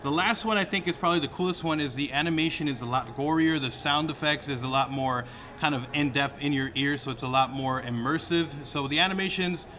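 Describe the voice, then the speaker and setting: A man's voice: on the high side, a little fast, sharp tone. A young man giving a casual, rambling gaming commentary full of fillers. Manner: loose, rambling with many fillers. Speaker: gaming YouTuber. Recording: music playing behind.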